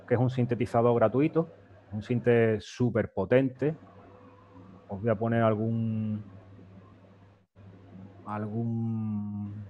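A man talks through his beat-making setup in a relaxed, conversational way, stopping often to restart a phrase or add a filler. His voice sits at an ordinary middle pitch. The recording is a little muffled, with a faint hiss underneath. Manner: explains step by step with frequent fillers and restarts. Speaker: guest music producer. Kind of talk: casual demo walkthrough.

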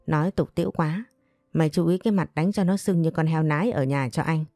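Brief: a mocking, protective older brother, voiced by a woman narrator, deep and dry. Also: brisk, mellow, no echo, soft background music. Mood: scornful. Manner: taunting, scolding.

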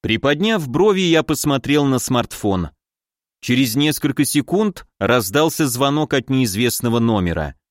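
A man reading a first-person audiobook in an even, plain storytelling way, close to the mic. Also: medium pitch, measured pace, dry recording. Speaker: audiobook narrator. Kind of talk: scripted first-person narration.

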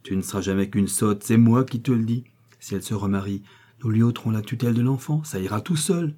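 A crafty old peasant from a storybook, blunt and lecturing, sure he knows better, as a man puts him on. The voice is pushed a little higher than the reader's own, still dark and husky. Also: a little fast, lightly acted. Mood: scolding. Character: shrewd, cunning old male peasant, calmly scolding.

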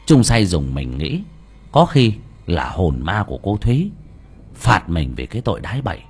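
Man, audiobook narrator, colloquial, dramatic, husky, very animated. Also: low voice, moderate pace. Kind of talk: storytelling narration.

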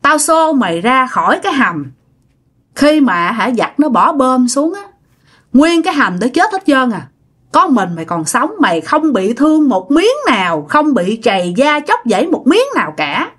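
A woman's voice: medium pitch, animated, moderate pace, fairly bright tone. A woman voicing the angry ghost of an old woman who scolds her nephew. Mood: scolding. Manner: scolding, accusing.

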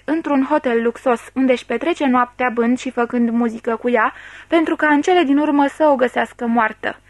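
Woman voicing a smooth, persuasive doctor. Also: high-pitched, dry recording. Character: calm, cunning older male doctor calming a crowd.

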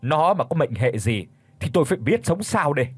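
A man voicing a frantic middle-aged father who pleads and shouts in a hurry, with a husky voice. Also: on the high side, big pitch swings, no room sound. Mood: furious. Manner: desperate, shouting, hurried.

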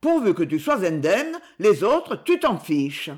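A woman's voice: mid-range voice, sing-song, unhurried, darkish tone. A woman voicing a bitter, sulky young man who lashes out at his sister. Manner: sour, accusing.

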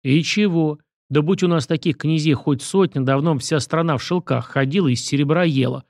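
A man's voice: on the high side, brisk, a little mellow, dry recording, studio quality, lightly acted. A man voicing a proud, stubborn commoner who argues in a folksy, vehement way.

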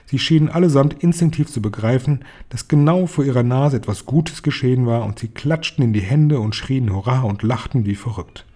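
A man reading a children's novel aloud as narrator, calm and even. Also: medium pitch, brisk, few pauses. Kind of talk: audiobook reading.

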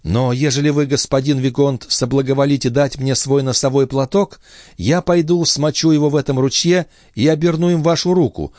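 A man's voice: mid-range voice, fairly even intonation, moderate pace, darkish tone, dry recording, clean studio sound, pitched above the performer's own voice, close to an everyday voice. A man playing a proud earnest young scholar. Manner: polite, formal. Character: proud earnest male youth, bookish.

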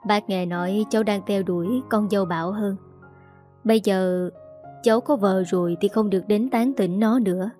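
A woman's voice: medium pitch, moderate pace, mellow, soft background music, close to an everyday voice. A woman reading the lines of a firm, dignified older mother-in-law in an audio story.

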